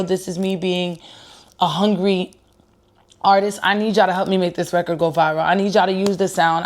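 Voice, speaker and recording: A woman singer and rapper telling viewers a personal story in a casual vlog, earnest and emotional, speaking straight to her audience. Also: mid-range voice. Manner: excited at first, quieter and heartfelt later.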